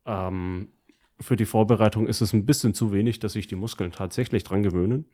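A man with a low, soft-edged, mellow voice co-hosts a podcast. He talks casually and colloquially, recounting things in everyday slang. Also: steady tone, fairly quick. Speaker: podcast co-host. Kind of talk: casual chat, telling about his week.

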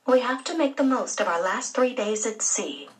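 A woman voicing a stern but loving aunt in a children's storybook reading, speaking low and serious. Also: lively intonation, moderate pace, recorded from a distance, natural voice, poor audio.

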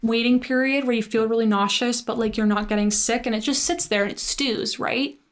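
A young woman casually telling a story, chatty and full of "like" fillers, animated in her retelling. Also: fairly high pitch, fairly quick.

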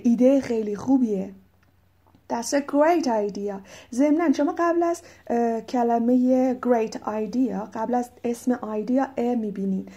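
A woman teaching English, with a Persian accent and a mellow, slightly high voice. She explains patiently and reads the English examples slowly and clearly. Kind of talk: explaining vocabulary.

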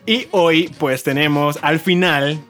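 A man's voice: fairly high pitch, steady tone, takes it slowly, over loud music. A man hosting a podcast from a studio, talking in a playful, joking way. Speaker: podcast host. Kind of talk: casual chat.

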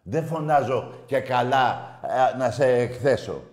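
A man hosting a call-in sports radio show, loud and mocking as he argues with callers. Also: medium pitch, expressive, roomy sound. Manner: loud, shouting and mocking rival fans. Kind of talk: heated call-in sports banter.

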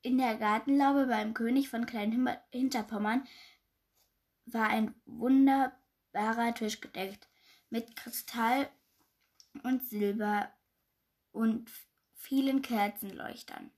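A woman reading a children's story aloud in a lively, expressive way. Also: a little high, slow pace, long pauses.

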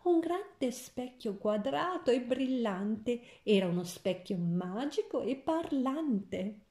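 A woman reads a rhymed fairy tale aloud with a playful, rhythmic lilt. Her pace is slow and unhurried, her tone mellow and dark. A roomy echo surrounds the voice. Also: on the high side, lively intonation. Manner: rhythmic, playful verse reading. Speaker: storyteller.

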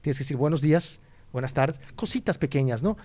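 A Mexican man talks as a podcast guest in a relaxed, lively way. His voice sits a touch high, and he keeps breaking into little acted-out quotes. He often trips over and restarts his sentences. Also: brisk. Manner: animated storyteller who acts out quoted voices, frequent restarts. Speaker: guest, student exchange organizer. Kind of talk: casual conversation.

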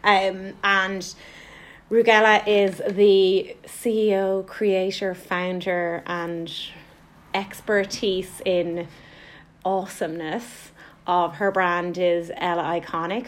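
A woman hosting a podcast interview in a casual chat, bubbly and excitable, laughing often. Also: on the low side. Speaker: podcast host. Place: Kent, United Kingdom.

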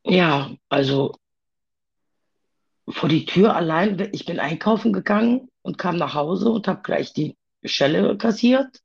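A woman talking haltingly about her own past in a personal conversation, with many pauses and fillers. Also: lowish voice, animated, gravelly, breathy edge, dull audio.

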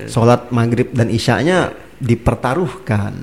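A man's voice: mid-range voice, measured pace. A man, an Islamic preacher, explaining religious points in a casual talk, chuckling and acting out the people in his examples. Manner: lively, laughing, acts out angry speakers.

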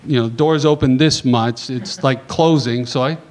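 A man on a conference panel telling a long anecdote in a casual, animated way, acting out the dialogue and tossing in quick asides. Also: medium pitch. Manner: animated, acts out dialogue, chatty asides with "right?".

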